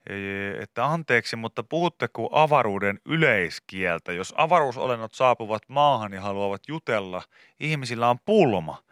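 A man's voice: medium pitch, lively intonation, a bit bright, no echo, clean studio sound. A man hosting a morning radio show, chatting casually and telling rambling stories. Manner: rambling storyteller, laughs while talking. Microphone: studio microphone.

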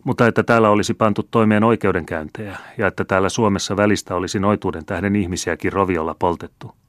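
A man putting on an inquisitive, strict old grandmother who presses with sharp questions. Her voice is lifted above a deep male reading voice, firm and a little louder. The recording is close and dry. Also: fairly even intonation, no room sound. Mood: skeptical. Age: older. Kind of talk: audiobook character reading.

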